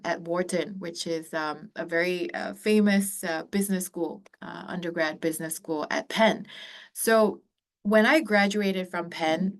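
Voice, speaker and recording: This webinar presenter, a woman in her forties, speaks to students in an earnest, encouraging way, her voice on the low side and broken by frequent ums and uhs. Born in Korea and raised across East and Southeast Asia, she founded an education company.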